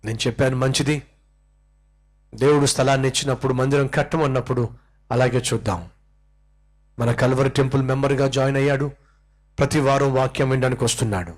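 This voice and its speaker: A man's voice: medium pitch, brisk, pauses often. A male pastor preaching a sermon in church, telling a story and putting questions straight to the congregation. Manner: animated, questions the congregation directly.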